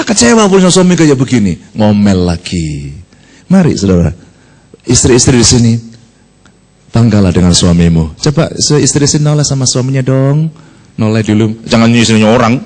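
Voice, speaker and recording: A man's voice: medium pitch, normal speed. A man preaching a sermon to his congregation, telling stories with acted-out voices and sound effects and humorous asides to the listeners. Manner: animated storytelling, often addresses listeners as "saudara". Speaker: pastor. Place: church service.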